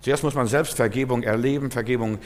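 Man preaching a sermon, mid-pitched voice, earnest and direct, echoing in a large hall. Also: fairly even intonation, a little fast. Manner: earnest, repetitive, addresses listener directly. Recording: long reverb, hall.

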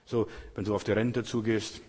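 Male preacher, earnest and fervent, husky tone, long hall echo. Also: on the low side, flat delivery, moderate pace. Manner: earnest, rises to loud fervent prayer. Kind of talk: sermon.

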